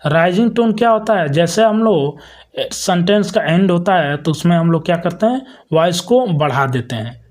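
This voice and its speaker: A man giving an exam-prep lecture, asking himself rhetorical questions and reading English definitions out slowly. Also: sits high, expressive, a little mellow. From India.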